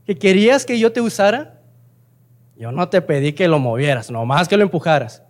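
A man doing the calm, fatherly Lord. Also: sits high, normal speed, voice pushed down. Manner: calm, instructing.

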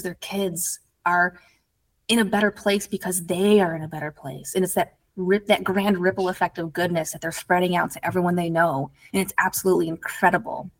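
A woman guest on a podcast interview, an addiction recovery coach telling her story earnestly and casually, with lots of "like". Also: fairly low pitch. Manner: earnest, storytelling, heavy use of "like".

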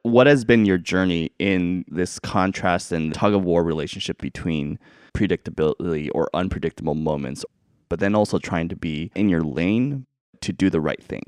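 Deep-voiced male podcast host. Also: a little mellow, clear, resonant tone, no room sound, clean studio sound. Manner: measured, asks long open questions. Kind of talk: interview questions.

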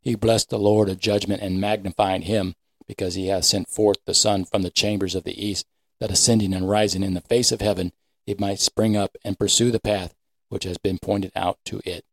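Low-voiced male narrator, measured storytelling. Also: little pitch movement, no room sound. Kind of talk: scripted narration.

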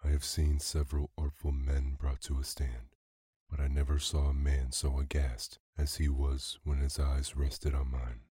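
A man narrating a classic story for a bedtime podcast in a calm, even way. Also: rumbling low, moderate pace, husky, no room sound, clean studio sound.

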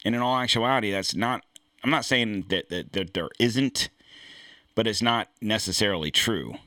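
A fairly low-voiced man delivers a loose political commentary monologue as host, circling back and restarting his points in a blunt, profane way. His voice is bright and forceful, and the recording is dry and close, with little room sound. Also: moderate pace, no echo. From United States. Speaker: podcast host.

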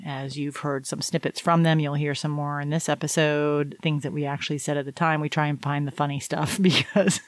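A woman's voice: sits low, little pitch movement, brisk, hardly any pauses, no echo. A woman in her fifties co-hosting a podcast in casual chat, teasing and laughing often. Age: 50s. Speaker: podcast co-host.

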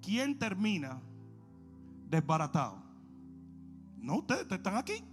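A man preaching an animated sermon, acting out stories and swinging between shouting and low asides. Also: a little slow, faint music behind.

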